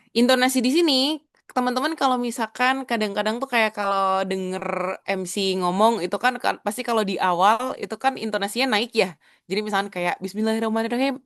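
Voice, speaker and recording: A woman's voice: mid-range voice, fairly bright tone, no echo. Woman coach, dry close sound. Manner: casual, mixes in English phrases; demonstrates vocal techniques. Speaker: public speaking coach. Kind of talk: webinar lesson. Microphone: video call.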